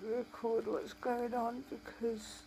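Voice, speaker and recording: A woman's voice: fairly high pitch, level tone, slow, dark tone, a little hiss or hum, poor audio. A tired woman talking with a sore, swollen jaw after surgery, in a casual late-night video diary. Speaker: vlogger.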